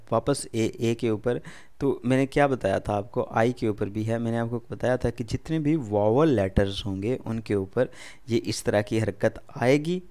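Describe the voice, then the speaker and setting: A man with an Urdu accent teaches a first beginner lesson at an ordinary middle pitch. He explains slowly and patiently, repeating each word and putting questions back to the listener before answering them himself. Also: darkish tone. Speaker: language teacher.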